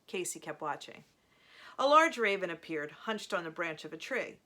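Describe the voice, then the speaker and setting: A woman reading a novel aloud in a slow, measured storytelling manner, with casual asides between chapters. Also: on the low side, expressive, sharp tone. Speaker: reader of a novel.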